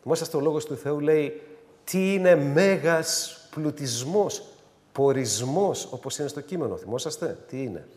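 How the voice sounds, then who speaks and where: A man preaching a sermon, reading scripture slowly and then commenting with rising emphasis. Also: a little high, animated, darkish tone, big-room sound.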